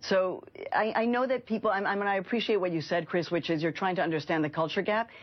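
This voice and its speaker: A woman's voice: lowish voice, fast talker, muffled recording. A woman journalist from Mexico, raised in Chicago, speaking earnestly and with passion as a guest on a news panel. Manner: earnest and impassioned. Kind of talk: cable news panel discussion.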